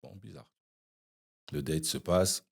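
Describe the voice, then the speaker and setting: A young man, a podcast guest, telling an animated anecdote in casual chat, with frequent "you see" asides. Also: rumbling low, takes it slowly, gravelly, breathy edge.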